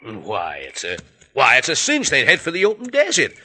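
A man playing a slow-witted Western outlaw henchman who talks in a hesitant, stammering, folksy way. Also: mid-range voice, wildly swooping pitch, pushed and bright, breathy edge, heavily acted. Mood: hesitant, eager.

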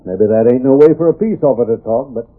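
An actor playing a blunt, gruff frontier sheriff past his prime with an American Western drawl, in an old radio drama. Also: mid-range voice, fast talker, natural voice. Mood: folksy, confiding. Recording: muffled, tinny old radio broadcast.

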